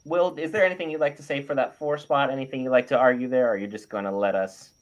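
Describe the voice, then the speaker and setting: With a quick pace and fairly flat intonation at medium pitch, this co-host weighs in on animated series during a casual panel debate. His takes are emphatic and opinionated, set out as lists of points.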